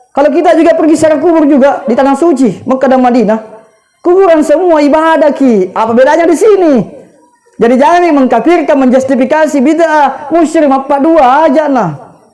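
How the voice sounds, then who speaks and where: A man's voice: extremely high pitch, warm tone, low-quality recording. A man, giving a humorous condolence sermon and often turning to the audience with jokes. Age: 30s. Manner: joking, chatty, addresses the audience directly, laughs at his own stories. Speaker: preacher.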